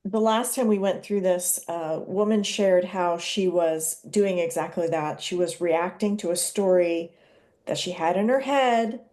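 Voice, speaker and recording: A woman's voice: on the low side, a little slow, a little mellow. A woman hosting a casual book club discussion, explaining ideas and acting out short examples from her own marriage.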